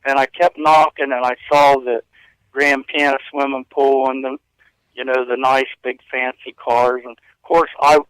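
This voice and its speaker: A man's voice: mid-range voice, level tone, a little slow, a bit bright, clean tone, no echo, poor audio. A man in his fifties telling stories as a radio interview guest, earnest and rambling with frequent chuckles. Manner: earnest, rambling storyteller who chuckles often. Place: hotel room.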